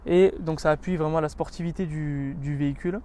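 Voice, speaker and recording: A man presenting a car in a casual walkaround, chatty and descriptive, running through features with lots of "so" and "uh" and stressing what excites him. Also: a little high, fairly quick. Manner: chatty and descriptive, listing features with many connecting "donc"s and "euh"s. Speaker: car reviewer.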